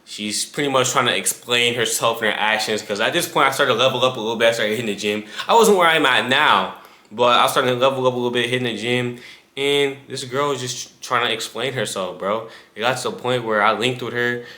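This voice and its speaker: A man's voice: medium pitch, fairly quick, sharp tone. A man in his twenties giving casual advice straight to the viewer, full of slang and asides. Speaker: fitness creator. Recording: echoey room.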